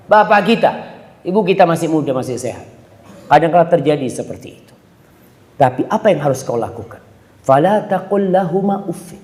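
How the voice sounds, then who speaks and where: An Islamic preacher delivers a sermon in a roomy, reverberant hall, telling stories to the congregation and speaking to them directly. He acts out the voices of the people in his tales with sharp jumps in pitch.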